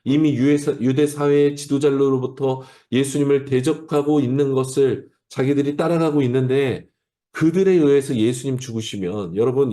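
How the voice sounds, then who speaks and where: A man's voice: mid-range voice, mellow. A male pastor preaching an early-morning sermon, explaining a Bible passage in an earnest way and speaking directly to his listeners. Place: church or home, streamed to an online service.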